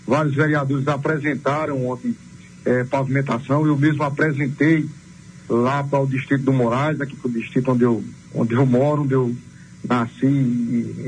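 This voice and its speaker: A man's voice: medium pitch, slight background noise, poor audio. A man, a council president speaking on the phone to a radio show in formal political talk with many hesitations. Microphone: phone line.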